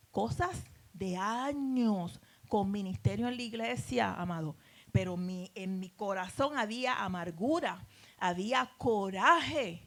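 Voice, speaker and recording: A woman's voice: mid-range voice, a bit bright. A middle-aged woman teaching a Bible class in a preacherly way, addressing listeners as beloved and asking them rhetorical questions.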